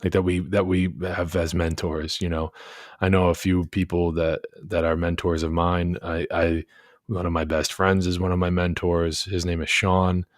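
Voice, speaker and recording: A man's voice: low voice, flat delivery, normal speed, no echo, clean studio sound. A man hosting a casual livestream chat, rambling with many restarts and fillers. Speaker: host.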